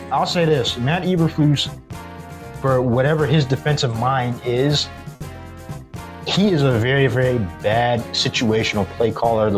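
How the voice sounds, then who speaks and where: A man hosting a solo sports recap, giving blunt, critical commentary. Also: mid-range voice. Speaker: sports video host.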